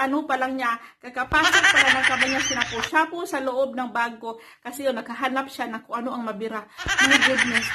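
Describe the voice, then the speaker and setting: A woman telling a personal story in a casual, chatty way, laughing often and calling her viewers guys. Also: sits high. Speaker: vlogger. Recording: loud background noise.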